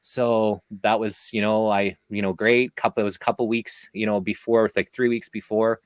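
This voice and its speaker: A man's voice: lowish voice, little pitch movement, moderate pace, clear, resonant tone, no echo. A man telling a long story as an interview guest, casual and rambling, with many fillers and restarts.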